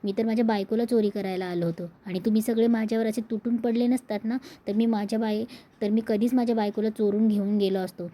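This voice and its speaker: A woman's voice: medium pitch, fairly even intonation, fast, warm tone, natural voice. A woman voicing an earnest, affectionate young husband apologizing to his wife in a serial recap. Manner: pleading, affectionate.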